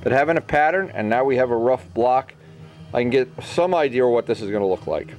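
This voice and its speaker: A middle-aged model airplane builder runs a casual hands-on tutorial at his indoor bench, speaking briskly in a medium-pitched, darkish voice with lively intonation. He thinks out loud in brief explanations.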